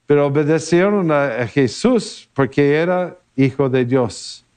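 A priest with a high voice reads scripture and then preaches a homily. He talks slowly and gently, slipping in small laughs and playful repeated words. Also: animated, clear, resonant tone.

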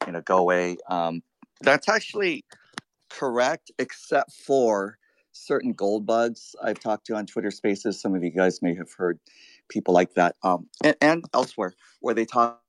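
A man speaking in a casual online discussion over a bad connection, his voice cutting out and his speech coming through halting and fragmented. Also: on the low side, lively intonation, no echo.

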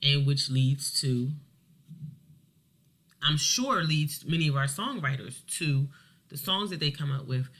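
A man's voice: a little high, unhurried, long pauses, fairly bright tone. A man co-hosting a casual podcast chat about songwriting, rambling and encouraging, with frequent restarts. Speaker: podcast co-host.

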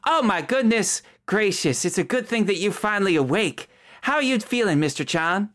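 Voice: mid-range voice, expressive, normal speed, fairly bright tone, close to an everyday voice. A very old woman acted out by a game master in a tabletop role-play. She is kindly but fretful, exclaiming effusively in a folksy, old-lady way. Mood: fussing, excited.

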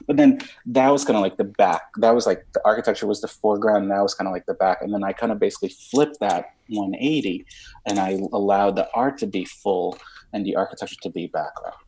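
A husky-voiced man in his thirties, from Romania, speaks as an interview guest. He rambles and searches for words, full of fillers and restarts, now and then dropping a swear word. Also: on the low side, fast, dark tone, low-quality recording. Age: 30s. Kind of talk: casual interview conversation.

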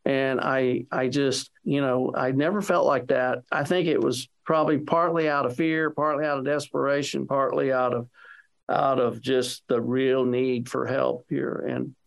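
A man with a gravelly, fry-heavy voice at a middle pitch recounts a personal story for an interviewer. He rambles and circles back, leaning on "you know", and slips into the voices of the people he quotes. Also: fairly even intonation, unhurried. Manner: acts out quoted speech of others.

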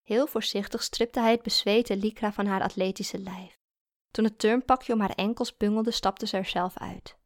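A woman narrating fiction in a calm, steady audiobook reading. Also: mid-range voice, normal speed.

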